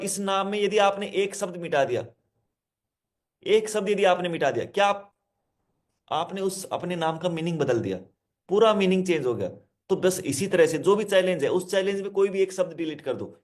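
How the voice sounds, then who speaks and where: A male hypnotherapist with a high-sitting voice delivers a self-help lesson straight to his listeners. He repeats his instructions and uses simple word examples to explain.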